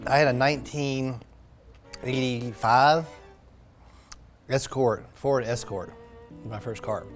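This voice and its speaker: An easygoing man in his oral surgery office chats through a hot wings challenge, ending thoughts with a casual "right?". He is clearly feeling the burn of the spicy food, and faint music plays behind him. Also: medium pitch, slow. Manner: easygoing, tags lines with "right?". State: suffering from spicy food heat. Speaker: oral surgeon, show host.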